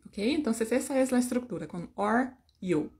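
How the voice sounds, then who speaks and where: A woman's voice: fairly high pitch, expressive, normal speed, a little mellow. A woman from teaching an English lesson in Spanish, playful and joking about herself. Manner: playful, sings snatches of songs and jokes about herself.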